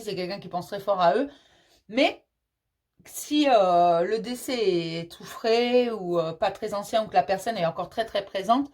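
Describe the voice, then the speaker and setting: A woman medium giving a casual tarot reading, reassuring and chatty, addressing the listener affectionately. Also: medium pitch. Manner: reassuring, calls the listener "mon petit chéri"; chatty, with frequent fillers and repeats.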